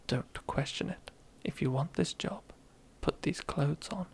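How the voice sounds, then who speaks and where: Half-whispering with seductive command, a woman voices a teasing, domineering boss relishing control over a former rival in ASMR roleplay. The voice is low, husky, creaky and darkish, exaggerated and at a measured pace.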